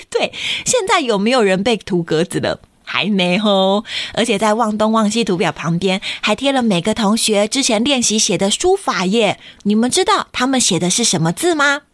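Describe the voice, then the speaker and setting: A woman's voice: mid-range voice, sing-song, moderate pace, no room sound. A woman storyteller reading a picture book to young children, guiding them with frequent questions. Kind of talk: interactive picture-book read-aloud for children.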